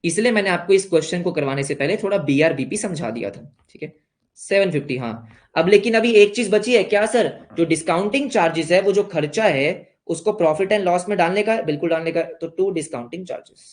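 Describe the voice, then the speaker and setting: A man's voice: high-pitched, animated, brisk. A young man with an Indian accent teaching an accounts lesson, playfully asking questions and answering them himself as a student would. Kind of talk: online class lesson.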